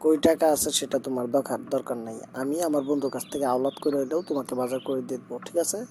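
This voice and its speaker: A man's voice: mid-range voice, steady tone, very fast, lightly acted. A man with a Bangladeshi accent playing an exasperated, placating husband bickering in an amateur domestic skit. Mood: placating, pleading. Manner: bickering as a couple, protesting and pleading. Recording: loud background noise.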